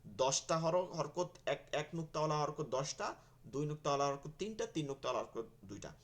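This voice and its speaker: A man's voice: on the high side, lively intonation, brisk. A man teaching a Quran reading class, drilling letter names over and over and asking questions he answers himself. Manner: repeats letters and drills students, asks and answers own questions. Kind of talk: online class lesson.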